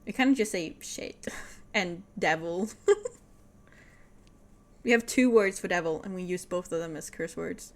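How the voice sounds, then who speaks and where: A woman whose first language is Swedish, and who has a Swedish accent, livestreams a casual puzzle game while thinking aloud. Her voice is lowish and unhurried, she pauses often, and she frequently drops to a whisper.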